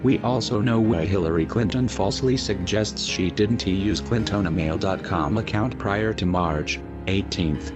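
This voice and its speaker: Man with a disguised, very deep voice. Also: unhurried, hardly any pauses, muffled recording. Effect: disguised deep voice changer. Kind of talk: scripted reading of a news report. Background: music.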